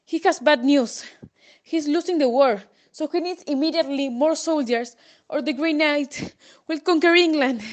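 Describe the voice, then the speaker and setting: A woman's voice: high voice, normal speed, voice pushed up, close to an everyday voice. A woman reading aloud, voicing an agitated male royal messenger in a storybook. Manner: urgent, breathless delivery.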